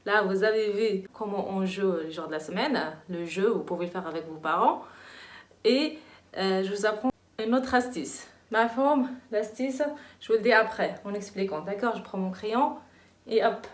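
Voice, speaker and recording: A young woman, giving a children's lesson in a playful, animated, encouraging way. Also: mid-range voice, moderate pace. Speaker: teacher. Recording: echoey room.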